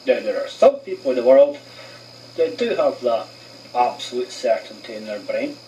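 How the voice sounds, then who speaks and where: Slow, halting man far from the mic. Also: mid-range voice, very animated, mellow. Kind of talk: video clip being responded to. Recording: distant mic with faint hiss, replayed clip.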